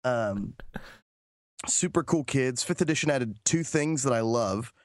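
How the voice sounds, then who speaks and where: A man co-hosting a podcast, chatting casually and telling animated anecdotes. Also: medium pitch, measured pace, no room sound, clean studio sound. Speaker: podcast co-host. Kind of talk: casual chat.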